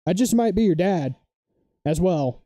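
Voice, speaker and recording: Young man, streamer, very dark mellow voice, dry close sound, excitable, rambling, opinionated. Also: high-pitched, measured pace, dry recording. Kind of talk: casual live-stream chat.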